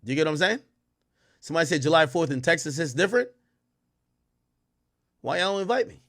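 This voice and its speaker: Fast and expressive, with a voice on the high side and a bit bright, this livestream host, a man in his thirties born in Jamaica, talks to his chat through a headset from his home streaming room. He rambles loosely, swears, and uses lots of slang.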